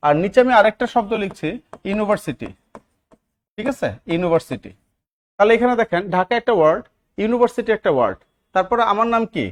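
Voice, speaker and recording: High-voiced man teaching an online class. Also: very animated, quick pace, pauses often. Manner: asks the class rhetorical questions, repeats key words. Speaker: English teacher for job exams. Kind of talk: live online class lecture.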